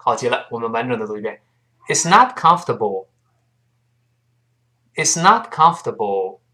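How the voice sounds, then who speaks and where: This man's mid-range voice is very animated and sharp as he teaches spoken English in Mandarin Chinese, spelling each word letter by letter and slowly drilling phrases.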